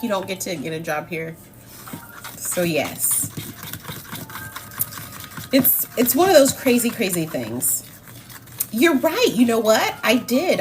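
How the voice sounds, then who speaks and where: A woman's voice: medium pitch, noisy background. A woman hosting a cooking livestream, chatting casually and laughing as she answers her viewers. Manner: chatty, laughing, talks to live chat. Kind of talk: casual chat while cooking.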